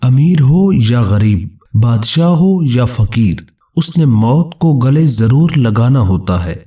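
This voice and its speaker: A man giving a solemn, measured scripted religious narration, speaking as a preacher to his listeners. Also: mid-range voice, warm tone, far from the mic.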